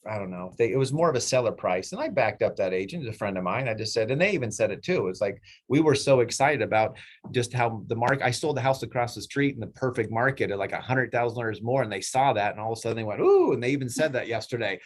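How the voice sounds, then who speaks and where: A middle-aged man coaches his agents in a loose, rambling team meeting. His voice sits at an ordinary middle pitch and talks at a steady pace. He keeps breaking into raised, playful voices to act out clients. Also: quick pace. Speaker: real estate team leader coaching agents. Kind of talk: casual coaching talk.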